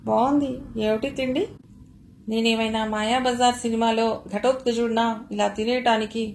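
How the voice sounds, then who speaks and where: A woman reading an audio novel, voicing a shy young woman student who protests gently. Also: a little high, fairly even intonation, moderate pace, slight background noise, lightly acted. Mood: playful protest.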